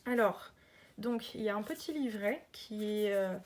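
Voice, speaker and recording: A woman's voice: medium pitch, measured pace, slight background noise. Chatty woman unboxing a card deck. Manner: chatty, enthusiastic, many hesitations. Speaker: tarot and oracle deck reviewer. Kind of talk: casual unboxing chat.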